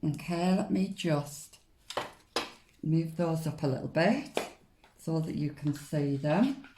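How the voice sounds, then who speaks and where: Female tarot host: low, unhurried, gently reassuring, informal and slightly hesitant delivery. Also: background noise. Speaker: tarot card reader and host. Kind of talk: casual spiritual card reading.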